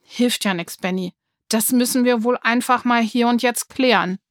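A woman's voice: a little high, normal speed, dry recording, clean studio sound, close to an everyday voice. A woman reading an audiobook, voicing a fiery, bossy schoolgirl who talks in a challenging, impatient way. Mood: determined.

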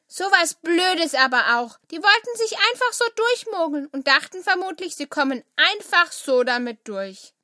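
A woman's voice: very high-pitched, expressive, moderate pace, bright, forceful tone, dry recording, clean studio sound, full character voice. A woman voicing a child in a family audio drama who grumbles expressively. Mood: annoyed. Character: annoyed young child in family.

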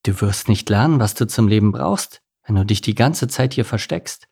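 A man voicing a caring father duck who talks to his ducklings slowly and patiently in a storybook reading. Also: fairly low pitch, creaky, husky. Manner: calm, slow and reassuring.

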